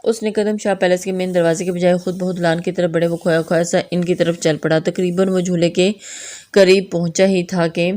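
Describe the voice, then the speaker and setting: A woman narrating a romantic novel aloud in a steady, even reading voice. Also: lowish voice.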